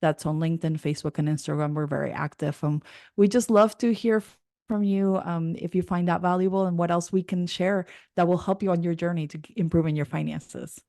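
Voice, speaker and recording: A woman speaking as a finance consultant guest on a podcast, measured and businesslike, laughing lightly now and then. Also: on the low side, steady tone, vocal fry, mellow, no echo, studio quality. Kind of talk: podcast interview answers.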